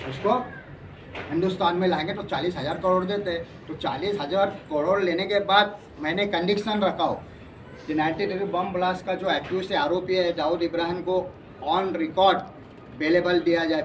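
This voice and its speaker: A man delivers an emphatic, repetitive political monologue to camera as a vlogger. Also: a little high. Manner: emphatic, ranting, repeats himself. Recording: distant mic, faint background noise.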